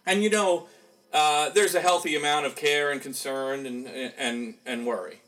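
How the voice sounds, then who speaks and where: Slow-speaking man preaching a sermon. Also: on the high side, steady tone, a bit bright, low-quality recording. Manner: slow, conversational preaching with rhetorical questions.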